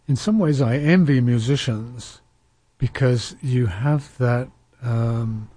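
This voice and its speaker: Slow and medium-pitched, this interview host's voice is mellow with a touch of huskiness. As he works through his thoughts in conversation, he hesitates, restarts his phrases, and repeats words.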